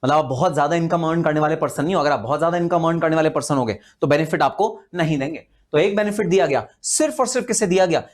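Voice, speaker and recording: A man with an Indian accent teaches tax to students in a live online lecture. His voice sits a little high, and he keeps it chatty and animated, firing off rhetorical questions and playful dramatic asides.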